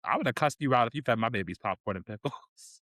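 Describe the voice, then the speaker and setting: A man's voice: medium pitch, expressive, quick pace, a bit bright, no room sound. A man co-hosting a podcast in casual chat, recapping with frequent laughter. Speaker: podcast co-host.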